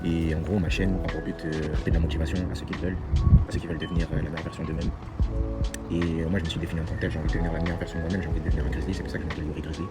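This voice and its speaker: Very deep-voiced twenty-year-old man, loud music. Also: flat delivery, rapid-fire. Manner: earnest, repeats key phrases, frequent fillers. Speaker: motivational vlogger. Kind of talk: casual motivational monologue.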